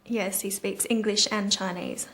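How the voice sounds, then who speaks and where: A woman's voice: medium pitch, steady tone, measured pace, fairly bright tone. An actress playing a polite young businesswoman client in a scripted drama for learners, giving short, plain answers.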